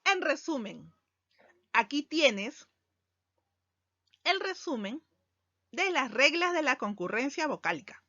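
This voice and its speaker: Woman teacher, slow deliberate lesson delivery, lo-fi sound. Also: high-pitched, sing-song, pushed and bright, dry recording. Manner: slow, deliberate, stresses key words. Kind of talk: recorded grammar lesson. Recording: dull lo-fi sound, dry.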